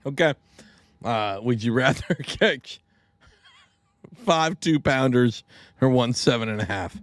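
A man's voice: medium pitch, expressive, takes it slowly. A man hosting a podcast with casual, joking banter. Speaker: podcast host.

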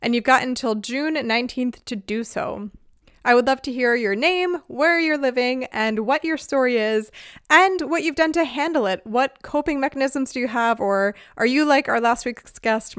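A woman's voice: a little high, fairly bright tone, clean tone, no room sound, clean studio sound. A woman hosting a podcast, talking in a chatty, upbeat way and laughing easily. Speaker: podcast host. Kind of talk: casual podcast talk. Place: lives in Germany.

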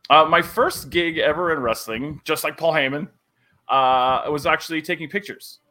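A man's voice: fairly high pitch, normal speed. A man in his forties, a wrestling commentator, telling stories animatedly in a casual podcast chat. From Canada. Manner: animated storyteller, laughs often.

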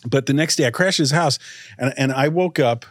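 A man co-hosting a podcast, telling a rambling story in a casual, animated way and acting out what people said. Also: medium pitch, brisk, no echo. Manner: rambling, animated, acts out quotes. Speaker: podcast co-host.

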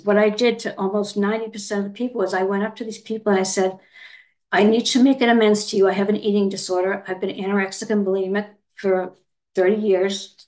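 A woman's voice: medium pitch, poor audio. A middle-aged woman giving a candid, earnest personal share at a recovery meeting, telling stories with many fillers. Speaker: twelve-step meeting speaker. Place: online video meeting.

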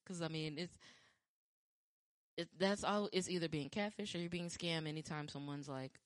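Woman, low and mellow, casual rambling chat with restarts, dry close sound. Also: normal speed, dry recording. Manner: rambling, with frequent restarts and filler; acts out quoted lines with lively pitch jumps. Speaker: podcast talker sharing dating stories.

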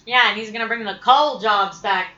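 A woman's voice: medium pitch, normal speed, sharp tone. A woman co-hosting a podcast in casual chat, blunt and sarcastic, cursing freely. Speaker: podcast co-host. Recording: roomy, dull sound with noise. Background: noise.

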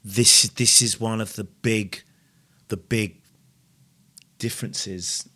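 A middle-aged man speaking candidly on a podcast, his voice bright and forward, a little low for a man. He stumbles and repeats words, and he swears bluntly. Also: steady tone, slow pace. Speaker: podcast co-host sharing his story. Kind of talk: candid conversational podcast talk.

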